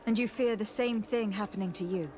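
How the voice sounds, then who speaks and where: Playing the protagonist of a video game, a woman delivers brisk, authoritative questioning as a firm and formal noble legate, staying composed. Her voice is natural and medium-pitched, with music in the background.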